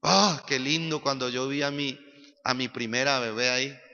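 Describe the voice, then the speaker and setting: A male pastor preaching a sermon, animated and building up to shouts. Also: mid-range voice, normal speed. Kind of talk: church sermon. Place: church sanctuary. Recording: reverberant church hall, dull sound.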